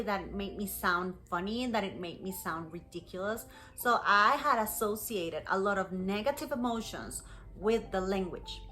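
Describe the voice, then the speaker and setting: Telling a personal story to her learners, this English teacher from Costa Rica speaks clearly and encouragingly in a Costa Rican accent, Spanish being her native language. Her voice is mid-range, pushed and bright.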